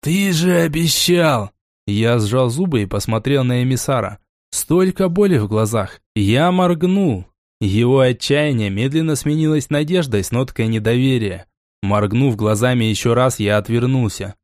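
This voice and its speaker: A man narrating a fantasy audiobook in the first person, with steady, even storytelling. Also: medium pitch, normal speed, dry recording, studio quality.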